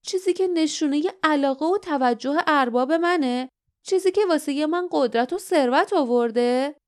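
A woman's voice: high-pitched, voice pushed up, close to an everyday voice. A woman voicing a scheming, greedy male guardian who mocks and snaps at his rivals in an audiobook. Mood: soft, cold. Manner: mocking, snapping retorts.

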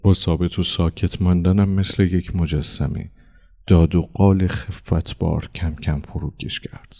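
Deep gravelly male story narrator. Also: fairly even intonation, warm tone. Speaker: audiobook narrator. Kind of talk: dramatic first-person story reading.

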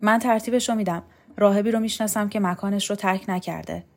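A woman reading the lines of a confident, easygoing man who briskly offers to take care of things, for an audio storybook. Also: mid-range voice, vocal fry, faint music behind. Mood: assured.

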